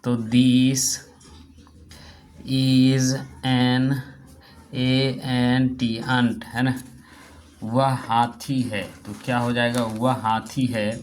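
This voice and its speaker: Man, patient grammar teacher; slow and monotone, spells words aloud, faint ambience. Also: mid-range voice. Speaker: English teacher. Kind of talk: spoken grammar lesson.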